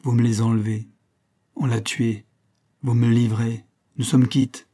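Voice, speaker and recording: A man's voice: mid-range voice, little pitch movement, measured pace, mellow, natural voice. A man voicing a proud, defiant young woman revolutionary who speaks with bitter contempt in an audiobook reading.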